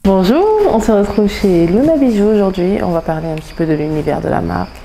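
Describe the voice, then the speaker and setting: Woman vlog host, mid-pitched, chatty and encouraging with her guest. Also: fairly quick, music in the background. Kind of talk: casual interview.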